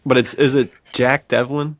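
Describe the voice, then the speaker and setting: Speaking at a moderate pace with a flat delivery, this man has a mid-range voice captured with no echo. He's a fiction author hosting a laid-back podcast conversation about writing, effusive and informal as he talks with a fellow writer and says "dude."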